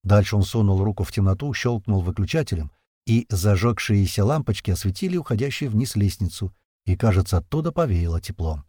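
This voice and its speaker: A man narrating an audiobook in a steady, tense, vivid storytelling manner. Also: fairly low pitch, fairly quick, no room sound, clean studio sound.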